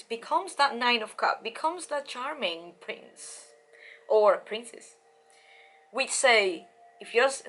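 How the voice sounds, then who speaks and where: Bright, excitable woman reading tarot. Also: on the high side. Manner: excitable, chatty, with frequent laughs and fillers; addresses the listener warmly and directly. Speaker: tarot reader. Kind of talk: casual tarot reading to camera.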